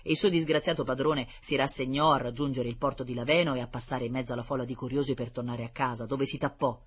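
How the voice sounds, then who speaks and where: A storyteller reading a children's fable aloud in an expressive, lively manner. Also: medium pitch, fast talker, slightly rough.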